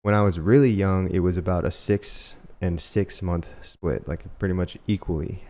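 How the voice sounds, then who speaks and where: Young guy, deep mellow voice, laid-back reflective story, lots of ums. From Alaska and Costa Rica. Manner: relaxed, reflective, with pauses and fillers. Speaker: singer-songwriter. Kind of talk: casual storytelling to camera.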